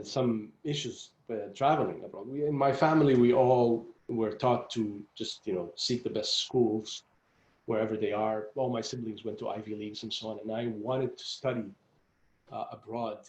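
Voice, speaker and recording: A man's voice: medium pitch, fairly even intonation, darkish tone. Fortyish man from Jordan, echoey room. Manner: rambling, halting, frequent restarts and laughs. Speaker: classical guitarist guest. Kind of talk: casual interview chat. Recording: roomy echo.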